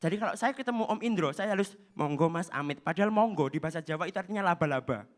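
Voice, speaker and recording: A man performs a stand-up comedy set in a fairly high voice. He is animated and slips into brief voices to act out everyday exchanges. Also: very fast. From Java, Indonesia. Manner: animated, acts out short quoted exchanges in other voices.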